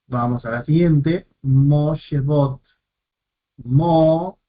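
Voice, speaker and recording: A man's voice: a little high, slow pace, a little hiss or hum. A man teaching a lesson step by step, repeating and sounding out each syllable and correcting himself as he goes. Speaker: Biblical Hebrew teacher. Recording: tinny phone-like audio.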